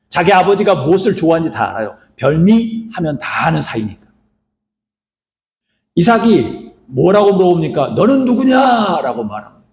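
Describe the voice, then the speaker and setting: A man's voice: fairly high pitch, darkish tone, reverberant. A man preaching a sermon as guest pastor, posing rhetorical questions to the congregation and acting out what people say. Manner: asks the listeners rhetorical questions and acts out quotes. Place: church sanctuary.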